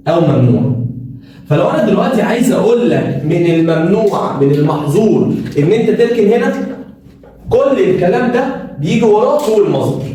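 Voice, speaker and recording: A man's voice: high voice, warm tone. Echoey Egyptian man teaching grammar. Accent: Egyptian Arabic. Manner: explains step by step with rhetorical questions and repetition. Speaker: English teacher. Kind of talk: classroom grammar lesson. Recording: very echoey room, voice from far off, faint noise.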